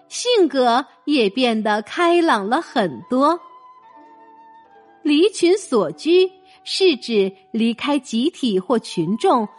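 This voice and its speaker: A woman narrating a children's story, speaking gently and directly to a young listener. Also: sits high.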